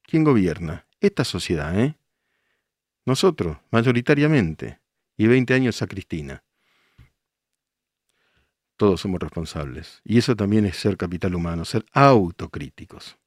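An older man with an Argentine Spanish accent hosts a radio show, reading out listener messages and replying with emphatic rhetorical questions. His lowish voice is animated and measured, with frequent pauses, and the studio-quality recording has no room sound.

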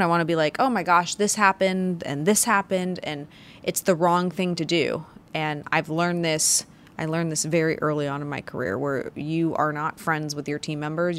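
A woman business owner hosting her own show, giving a motivational business talk with emphatic, punchy phrasing. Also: low voice. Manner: emphatic, punchy delivery with stressed short phrases. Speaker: business owner and podcast host.

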